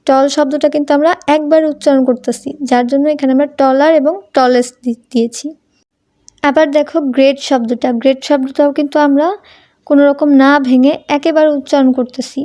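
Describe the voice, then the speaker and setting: Teaching English grammar in Bengali, this young woman has a high, mellow voice and keeps her intonation fairly even while moving along fairly quickly. She calls her students tumi in an informal way, asking them questions and then supplying the answers herself.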